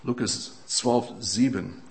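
A man delivers a sermon in carefully built, non-native German, pausing and restarting as he searches for phrasing. His voice sits in a mid range. It swells to loud emphasis and then drops back to a quiet, reflective tone. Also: mid-range voice. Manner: earnest, swings between loud emphatic peaks and quiet reflective passages. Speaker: preacher.

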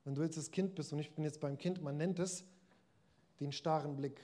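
A man's voice: fairly high pitch, fairly even intonation, fast talker, warm tone. A man preaching a sermon in a conversational way, addressing his listeners directly.

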